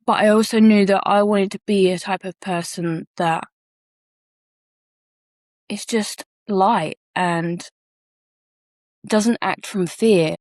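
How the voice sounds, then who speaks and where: A woman's voice: medium pitch, fairly even intonation, slow, pauses often, a little mellow, no echo, studio quality. A woman co-hosting a podcast, telling a personal story frankly and reflectively and swearing casually. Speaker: podcast co-host.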